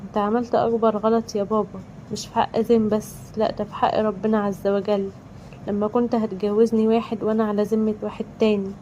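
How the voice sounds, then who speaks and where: Devout young Egyptian wife, played by a woman: emotional and pleading, fast pace. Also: mid-range voice, little pitch movement, warm tone, lo-fi sound, slight background noise, lightly acted. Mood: hurt.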